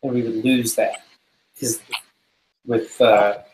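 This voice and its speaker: A man in an online meeting questioning a software design, thinking aloud with many restarts. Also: mid-range voice, level tone, slow pace, reverberant, poor audio. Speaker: developer in meeting. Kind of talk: technical discussion in a meeting.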